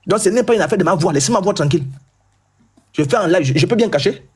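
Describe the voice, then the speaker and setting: A man hosting a heated live debate, talking loudly and insistently and repeating himself. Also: high voice, lively intonation, fast, husky.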